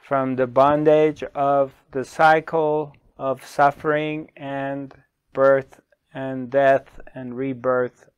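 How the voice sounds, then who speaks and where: A middle-aged man, a spiritual teacher, speaking slowly to the camera with long pauses and repeated questions, on a lapel mic in a small studio. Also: medium pitch, smooth, no echo. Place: small dark studio, indoors.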